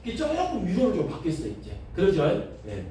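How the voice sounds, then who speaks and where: Jeolla pastor teaching a Bible class, high and lively voice, dark tone, heard from far off in an echoey classroom. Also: male voice, a little fast, a little hiss or hum. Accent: Jeolla Korean. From Jeolla, South Korea. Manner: lively, joking, asks the class questions. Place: seminary classroom. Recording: echoey room, recorded from a distance.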